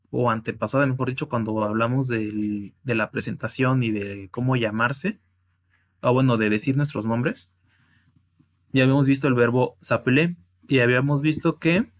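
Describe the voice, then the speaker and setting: Guy going slow thru french verb conjugations, kinda dull lo-fi sound. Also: medium pitch. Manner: slow, explanatory, with restarts. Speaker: French teacher. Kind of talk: slide-based language lesson. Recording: dull lo-fi audio.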